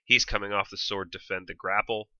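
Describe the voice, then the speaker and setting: A man giving casual explanatory video commentary on his own fencing footage, halting and thinking aloud step by step. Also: lowish voice, flat delivery, pushed and bright, no room sound. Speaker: fencer reviewing own sparring footage. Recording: slightly dull, lo-fi, dry sound.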